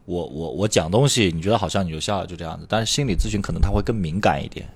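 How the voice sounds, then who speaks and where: A man's voice: deep voice, very fast, a little hiss or hum. A man in a casual podcast chat, teasing and emphatic. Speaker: comedian guest.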